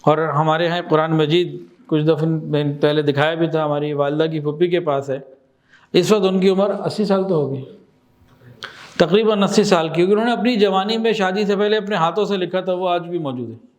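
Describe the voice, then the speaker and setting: A man with a fairly high voice gives a religious talk. He explains with everyday examples, puts questions to his listeners and says key phrases again slowly for emphasis. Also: a little mellow. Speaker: Islamic teacher.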